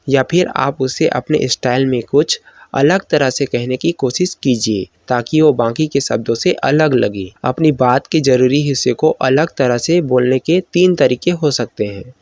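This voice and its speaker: A man narrating public speaking tips in a steady, instructive voice-over. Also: mid-range voice, no echo. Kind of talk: scripted narration.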